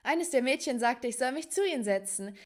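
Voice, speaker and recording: A spoiled teenage girl recounts her woes in scripted first-person narration for an animated story. The tone is dramatic and self-pitying, and the voice is slightly high. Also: fairly quick.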